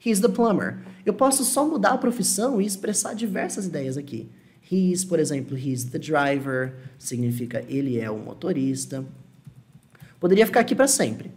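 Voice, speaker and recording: A man with a Brazilian Portuguese accent teaching an English lesson, explaining patiently and slowing down to model English phrases. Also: a little high, lively intonation, darkish tone. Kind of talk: online language lesson.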